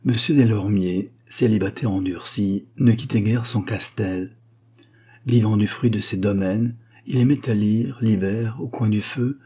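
A man narrating a story in a measured, even reading style. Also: on the low side, husky. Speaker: audiobook narrator. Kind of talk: scripted narration.

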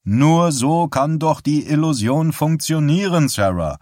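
A man's voice: fairly high pitch, expressive, a little slow, a little mellow, no echo, clean studio sound, voice pushed up. A man doing a breezy, patronizing husband. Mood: jovial, patronizing. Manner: jovial, patronizing, barking laugh. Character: cheerfully condescending husband, middle-aged man. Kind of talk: audiobook character reading.

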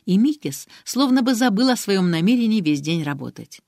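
A woman narrating an audiobook in an expressive, animated reading voice. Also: medium pitch, moderate pace, no echo, clean studio sound.

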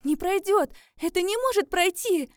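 A woman's voice: sits high, normal speed, mellow, dry recording, clean studio sound, pitched above the performer's own voice, natural voice. A woman voicing a young woman in love who pleads tearfully and desperately, in an audiobook. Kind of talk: audiobook character voice.

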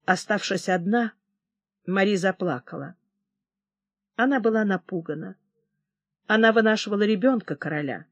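An audiobook narrator with a mid-range voice reads a historical novel. The narration is measured and dramatic. The recording is close and dry. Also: medium pitch, no echo.

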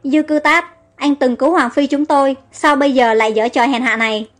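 A woman's voice: sits high, fairly even intonation, soft background music, natural voice. A woman doing a stern palace commander. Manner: brisk orders.

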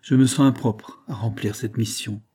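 A man voicing an earnest, indignant young man in an audiobook reading, speaking quietly and with firm restraint. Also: fairly low pitch, steady tone, normal speed, slightly rough. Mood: restrained.

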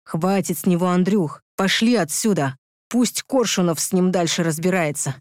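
A man's voice: high-pitched, moderate pace, no echo, close to an everyday voice. A loyal male friend , voiced by the narrator in an audiobook. He speaks urgently and pressingly, in a dry, close recording.

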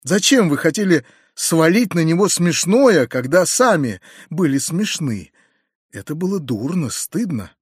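Male audiobook narrator, first-person literary reading, husky, dry close sound. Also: fairly high pitch, a little slow, dry recording. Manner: earnest, expressive reading.

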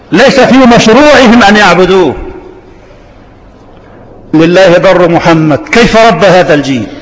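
A man with an Egyptian accent preaching a religious sermon with passion, repeating himself and asking rhetorical questions. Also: high voice. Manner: impassioned, repetitive rhetorical questions. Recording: long hall reverb.

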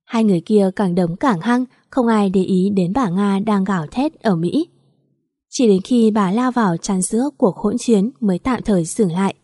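A woman narrating a story in a steady, even reading. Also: medium pitch, moderate pace, no echo, studio quality.

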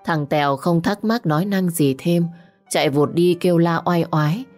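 Low-voiced woman narrating a story. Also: darkish tone. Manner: slow, measured, dramatic storytelling. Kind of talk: scripted audio story narration. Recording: faint background music.

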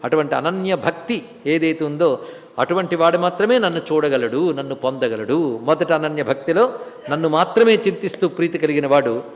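A male spiritual lecturer gives a devotional discourse on scripture, chanting verses in a sung cadence before explaining them through lively storytelling full of rises and drops. His voice is on the high side and brisk, heard with long hall reverb.

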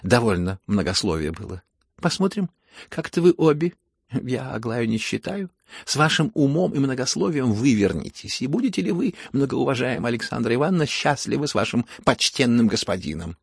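A man's voice: medium pitch, sing-song, measured pace, creaky, no echo, studio quality, pitched above the performer's own voice, full character voice. A man voicing an imperious, eccentric older general's wife who scolds her daughters in a raised, haughty voice. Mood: cutting.

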